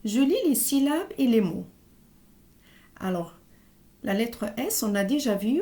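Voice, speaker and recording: Slow, soft-toned woman teaching children. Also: fairly high pitch. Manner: slow, deliberate, sounding out syllables. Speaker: primary school teacher. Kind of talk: reading lesson for young children.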